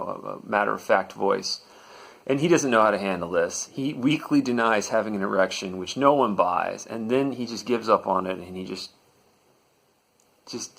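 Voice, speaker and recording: Dry, gravelly male storyteller. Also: on the low side, a bit bright. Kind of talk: comedic personal storytelling.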